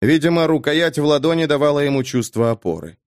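A man narrating a fantasy audiobook with expressive, dramatic reading. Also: a little high, quick pace, no room sound, clean studio sound. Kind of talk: scripted narration.

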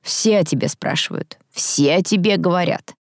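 A woman's voice: on the low side, normal speed, no echo, studio quality, close to an everyday voice. A woman voicing a cocky young man who mocks his siblings in an audiobook. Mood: boastful. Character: teasing cocky young brother, brash. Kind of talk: audiobook character voice.

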